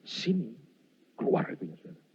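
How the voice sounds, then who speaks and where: A middle-aged pastor gives a brisk sermon with slight background noise, lively and acting out his story. He addresses the congregation as "Saudara" again and again, and the sound quality is dull and lo-fi.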